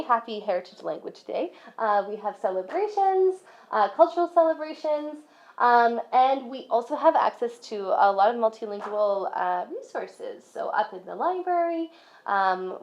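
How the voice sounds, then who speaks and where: Chatty woman presenter, lo-fi sound. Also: mid-range voice. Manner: friendly, chatty, many fillers. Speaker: school language specialist presenting to parents. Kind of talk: casual presentation talk. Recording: dull lo-fi recording.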